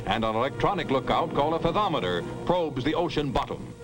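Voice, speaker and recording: A man's voice: medium pitch, very animated, fast, over music. A man narrating an old 1950s newsreel in the announcing manner of the era.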